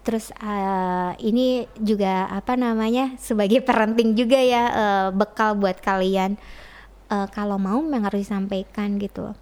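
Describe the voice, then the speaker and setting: A woman's voice: medium pitch, fairly even intonation, unhurried, darkish tone. A middle-aged woman talking candidly as a guest, chatty and often laughing mid-sentence as she tells a personal story.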